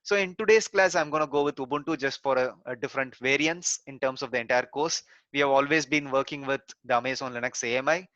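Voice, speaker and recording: A man's voice: mid-range voice, fast, few pauses, fairly bright tone, no room sound, muffled recording. A man instructor walking through a screen-recorded technical tutorial step by step, with many "so" and "uh" fillers. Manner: explains step by step with frequent "so" and "uh" fillers. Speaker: course instructor.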